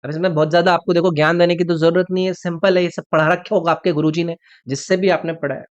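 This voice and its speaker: A man teaching an online exam-prep English lesson. He explains each point step by step, keeps asking the viewer questions, and reads the example sentences slowly and deliberately. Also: fairly high pitch, level tone, smooth. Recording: slightly dull lo-fi recording.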